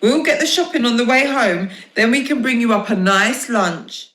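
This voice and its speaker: A woman's voice: on the high side, animated, moderate pace, a bit bright, voice pushed up. A cheerful, bossy dad from a storybook barks out chores like a sergeant, as a woman reader puts him on. He sounds hearty and upbeat, and the room around the voice echoes. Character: cheerful bossy dad taking charge of the family.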